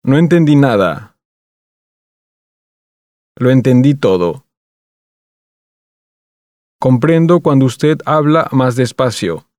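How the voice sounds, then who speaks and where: Male phrasebook reader, very slow and clear, dry close sound. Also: medium pitch, lively intonation, a little mellow, no echo. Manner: slow, deliberate, pausing after each phrase. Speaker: language course speaker. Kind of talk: reading language-course phrases.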